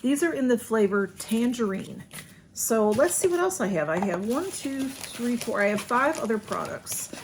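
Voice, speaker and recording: A woman's voice: on the high side, expressive, moderate pace. An American woman chatting casually to viewers as she unboxes, folksy and rambling, with slightly slurred speech. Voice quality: slightly slurred speech from a sore tongue or mouth. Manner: folksy, rambling, says y'all often. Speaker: vlogger doing a beauty box unboxing. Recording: faint background room noise.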